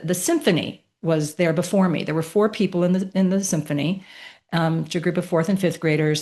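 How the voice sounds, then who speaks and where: A woman in her late fifties, a podcast guest telling a personal story with emphatic, animated delivery and rhetorical questions. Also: on the low side. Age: 50s.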